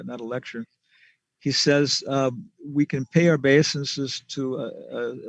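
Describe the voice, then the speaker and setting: A man's voice: medium pitch, creaky, dry recording. A man answering students' questions in a casual class, rambling with many fillers and chuckles.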